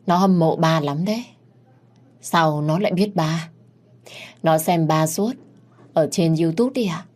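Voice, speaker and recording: Woman doing a doting young dad, gentle, coaxing, low voice. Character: young father, doting, affectionate, playful husband.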